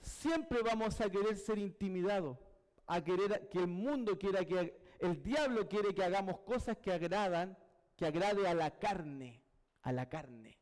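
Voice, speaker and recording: A high-voiced Chilean pastor preaches slowly and fervently, drawing out his words. His voice swings between ringing exclamations and near-whispers. It rings through a church hall with a long reverb. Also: darkish tone. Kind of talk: sermon.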